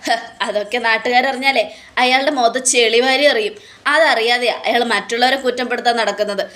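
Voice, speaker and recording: A woman's voice: on the high side, fairly even intonation, brisk, a bit bright, lightly acted. A woman reading the lines of a defiant, scornful young wife in a TV serial recap, in a taunting tone.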